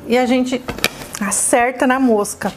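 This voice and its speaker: A woman with a Brazilian Portuguese accent hosts a chatty cooking demonstration in a kitchen, and the recording is very noisy. Her high voice stays steady in tone and unhurried, though she's effusive and exclamatory, fondly addressing her viewers.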